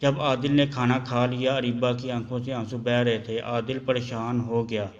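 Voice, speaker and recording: Monotone male storyteller. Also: mid-range voice, muffled recording. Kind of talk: scripted narration.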